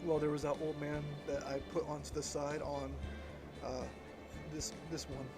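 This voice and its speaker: A man recording his casual gameplay commentary from under a blanket at home, rambling and halting with many fillers. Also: fairly high pitch, flat delivery, over music. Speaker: let's play gamer.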